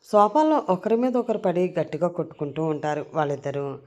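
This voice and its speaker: A woman storyteller narrating a serialized audio story in a conversational, brisk manner. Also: lowish voice, animated, mellow, muffled recording.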